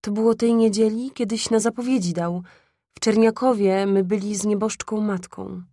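A woman voicing a frail, sick mother who answers in a faint, hushed whisper in a storybook reading. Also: mid-range voice, steady tone, moderate pace, no echo, studio quality, close to an everyday voice.

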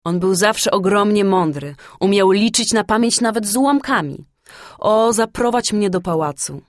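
A woman voicing an eager little girl who is looking for her friend, excited and earnest. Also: medium pitch, normal speed, dry recording, clean studio sound, close to an everyday voice. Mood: pleading.

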